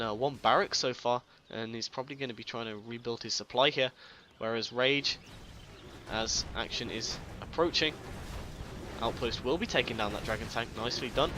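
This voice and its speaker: Bright-voiced chatty male game caster. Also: mid-range voice, slight background noise. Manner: chatty, self-deprecating, stumbles over words. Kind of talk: casual real-time strategy game commentary.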